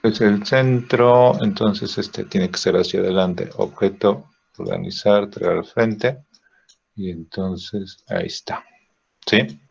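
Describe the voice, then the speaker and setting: A man teaching a drawing software lesson, thinking aloud with fillers and checking in with "¿sí?" after each step. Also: on the low side, vocal fry, breathy edge. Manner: slow, checks in with frequent "¿sí?" and "¿no?"; thinks aloud with "este" fillers while clicking. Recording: dull lo-fi recording.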